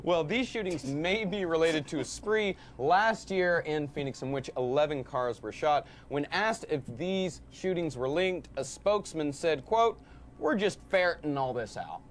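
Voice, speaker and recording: A man's voice: on the high side, expressive, measured pace. A man on a comedy podcast reading crime news items aloud between jokes.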